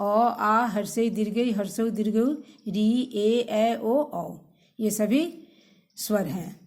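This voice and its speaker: Woman teacher for a children's recorded grammar lesson, a little high-pitched, unhurried and patient. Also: a little mellow. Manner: patient, repeats definitions and addresses children directly. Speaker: school teacher.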